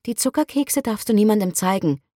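A woman reading an audiobook, voicing a cheerful young woman who bakes cookies, lifting her voice to sound bright and eager. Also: medium pitch, expressive, fairly quick, no room sound, studio quality, pitched above the performer's own voice, lightly acted. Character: cheerful young petite blonde woman baker.

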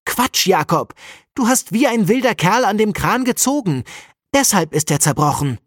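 In a storybook reading, a woman voices a sensible, bossy little girl, raising her pitch above her natural voice to a sing-song medium register. She sounds firm and speaks at a moderate pace, and the clean studio recording has no room sound.

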